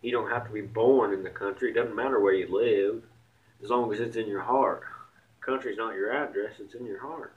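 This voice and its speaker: A man's voice: fairly low pitch, steady tone, normal speed, phone-quality sound. A young man with a slight Southern country accent, rambling bluntly and swearing in a casual vlog rant. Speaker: vlogger.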